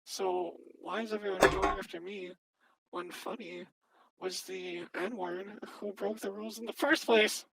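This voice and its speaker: Voice-changer defendant, gravelly and defensive, mid-pitched, roleplay court testimony. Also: steady tone, measured pace, fairly bright tone, low-quality recording. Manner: defensive, self-justifying. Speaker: defendant in a mock court trial. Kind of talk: testifying in a game-server roleplay trial.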